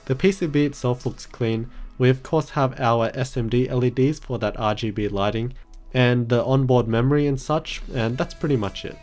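Male tech reviewer, medium pitch, explanatory, matter-of-fact voice-over, background music. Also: normal speed, a little mellow. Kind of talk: scripted review narration.

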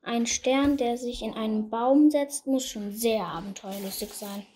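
A woman's voice: a little high, a little slow, warm tone, a little hiss or hum, natural voice. Woman putting on a wise old owl. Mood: amused. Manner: knowing, amused.

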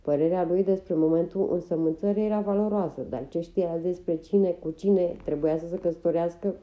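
A woman narrating a novel as an audiobook in a steady, even reading manner. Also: lowish voice, highs cut off. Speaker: audiobook reader.

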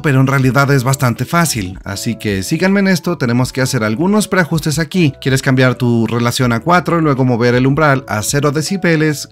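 A man giving a step-by-step voice-over for a tech tutorial, calm and explanatory as he walks through the settings one by one. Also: mid-range voice.

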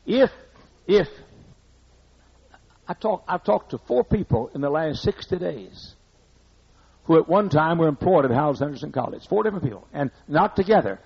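A man's voice: fairly high pitch, big pitch swings, normal speed, gravelly, long pauses, breathy edge. An older man preaching a sermon as pastor in a church, blunt and conversational, scolding the congregation with asides, on a muffled old recording. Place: church sanctuary.

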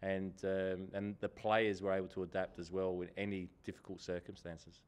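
Animated coach, low voice. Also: male voice, moderate pace, clean tone. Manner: animated, repeats key phrases for emphasis. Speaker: head coach. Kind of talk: post-match press conference answers. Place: indoor press room. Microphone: table microphone in front.

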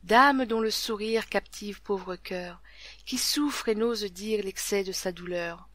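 A woman voicing a young, blond, lovelorn male minstrel, reciting his verses slowly in a soft, half-whispered singsong in a storybook reading. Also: mid-range voice, dry recording. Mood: pleading.

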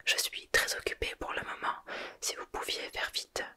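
A woman's voice: normal speed, sharp tone. A woman whispering as a vain, evasive wizard professor in a whispered role-play.

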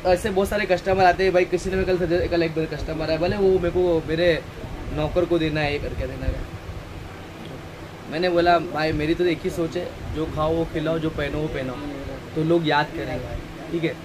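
A man in his thirties talks in a chatty, easygoing way with a fairly high voice. He walks through his stock and drifts into preachy asides. Street traffic and shop noise carry clearly behind him. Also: steady tone, moderate pace. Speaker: shop owner showing stock. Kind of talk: casual product walkthrough. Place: crowded housewares shop, indoors. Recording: noisy shop with traffic outside.

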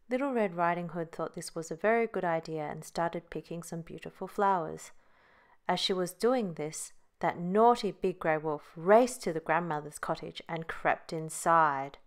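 A woman narrating a children's bedtime story in a gentle, measured read-aloud manner. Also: on the low side.

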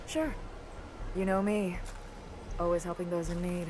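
A woman's voice: on the low side, level tone, unhurried, heavy background noise, lightly acted. A woman playing a tough, guarded young female free runner, speaking in a dry, curt way. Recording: game audio, distant and quiet.

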